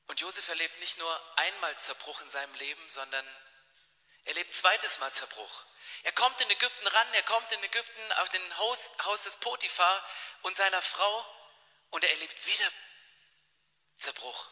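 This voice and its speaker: A man's voice: high voice, normal speed, pushed and bright. Male preacher in an echoey hall. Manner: dramatic, vivid retelling. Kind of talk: sermon with dramatized storytelling. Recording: echoey hall with long reverb.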